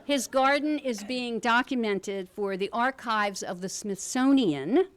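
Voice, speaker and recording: A woman's voice: a little high, unhurried, a faint crowd, slight background noise. Woman introducing a guest speaker. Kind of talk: formal introduction. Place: event hall at a podium.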